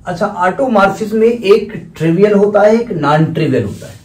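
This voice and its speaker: A man's voice: high voice, expressive, brisk, darkish tone. A man lecturing a math class, explaining step by step, repeating terms and asking the students questions. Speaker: math teacher. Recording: echoey room from far off, faint noise.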